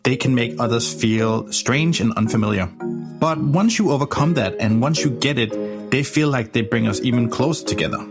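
A man's voice: medium pitch, moderate pace, creaky, music in the background. A man, narrating in an earnest, self-reflective way as the presenter. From Denmark. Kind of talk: scripted narration.

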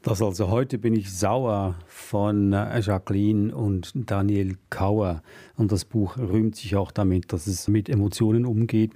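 A man co-hosting a casual book review chat, dry and joking with hesitant pauses. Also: on the low side, dark tone.

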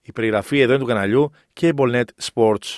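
A man's voice: medium pitch, noisy background. A man reading a scripted sports results bulletin as a news presenter.

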